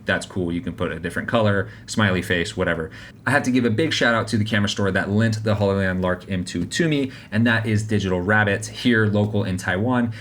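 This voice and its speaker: A man giving a casual, explanatory product review to camera, speaking informally into a small clip-on wireless microphone. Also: on the low side. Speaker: tech reviewer. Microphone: small wireless clip-on mic on chest. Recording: clip-on wireless mic, clear background noise.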